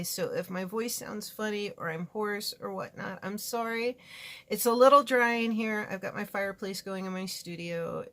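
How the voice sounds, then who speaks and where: A beauty vlogger from California, USA, reviews makeup in her home studio, rambling frankly and chatting away with plenty of asides. Her voice is mid-range with a fairly bright tone.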